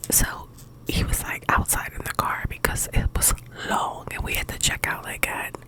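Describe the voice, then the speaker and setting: Whispering softly and breathily, this woman hosts an ASMR video with a late-night hush. Her talk is a casual, personal ramble, delivered in halting bits and pieces.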